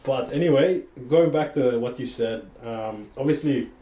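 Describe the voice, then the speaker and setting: A podcast host from Papua New Guinea chats casually in an interview, relaxed and laughing often, with lots of fillers. His mid-range voice moves at a moderate pace, and the recording has a roomy sound.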